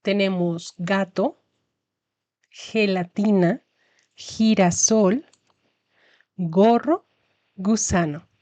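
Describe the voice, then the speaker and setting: A woman narrates a scripted Spanish lesson, enunciating each example word slowly and carefully. Her mid-range voice is mellow, recorded with no echo.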